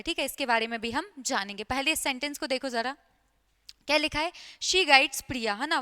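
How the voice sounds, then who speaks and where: A woman's voice: high-pitched, bright, forceful tone. A woman teacher giving an exam-prep lecture, repeating key points and often checking in with her students. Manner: repetitive, checks in with listeners.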